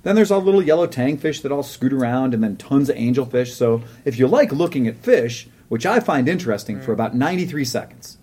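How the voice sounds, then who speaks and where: A man's voice: mid-range voice, sing-song, a little fast, hardly any pauses, warm tone, breathy edge. A man co-hosting a casual podcast, telling a profane travel story and laughing often. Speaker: podcast co-host. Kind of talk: casual chat.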